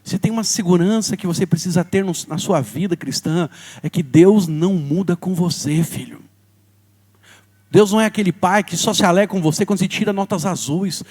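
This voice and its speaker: A Brazilian man, a pastor in his thirties, preaching a sermon and telling a personal story, swinging between loud stretches and soft ones. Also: sits high, fairly quick, slightly rough. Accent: Brazilian Portuguese.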